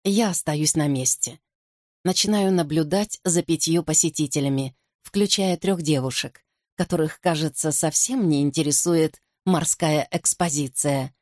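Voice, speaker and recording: A woman narrates a novel in first person, measured and composed. Her voice sits low for a woman, and the recording is dry and close with no room sound. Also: a little mellow, no room sound. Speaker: audiobook narrator.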